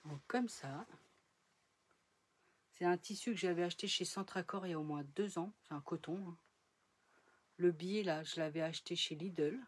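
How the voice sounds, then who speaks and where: In her home sewing room, a woman sewing vlogger chats casually while showing her projects, rambling with fillers and letting sentences trail off. Her voice is fairly low and slightly rough, at a normal speed with long pauses.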